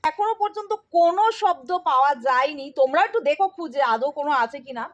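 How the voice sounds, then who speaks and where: A woman with a very high voice and a Bengali accent teaches a spelling lesson. She explains patiently, one step at a time, and keeps checking that her students are following. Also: animated, fast talker, dull audio. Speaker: English teacher.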